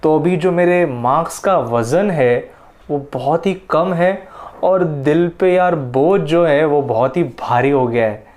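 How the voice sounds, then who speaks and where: Playful storytelling man, dramatic pitch jumps. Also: slow, a little mellow. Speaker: motivational speaker. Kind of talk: personal storytelling.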